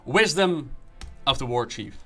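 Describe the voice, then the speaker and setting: A man's voice: mid-range voice, animated, a little slow, a bit bright, soft background music. A man streaming a game, commenting live, joking, recapping the story and acting out dialogue as he reads.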